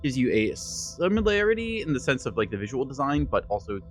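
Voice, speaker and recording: A man's voice: mid-range voice, sing-song, fairly quick, soft background music. A man streaming a strategy game, giving casual, joking commentary full of fillers. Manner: joking, rambling, lots of fillers.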